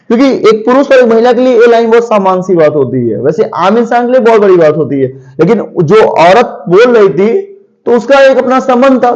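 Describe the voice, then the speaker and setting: A man's voice: extremely high pitch, darkish tone, highs cut off. A man teaching a class, retelling a poem's story with rhetorical questions and repetition. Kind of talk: storytelling lesson retelling a poem.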